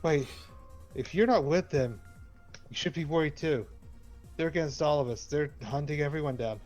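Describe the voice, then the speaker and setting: A man's voice: fairly high pitch, normal speed, darkish tone, muffled recording, faint music behind, natural voice. A man voicing a panicky young female pickpocket who pleads frantically in a tabletop game. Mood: anxious.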